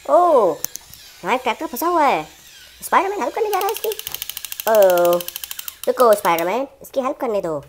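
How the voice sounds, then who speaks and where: A woman narrating a children's toy play video in an excited, exclamatory way. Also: on the high side, moderate pace, pauses often, slight background noise.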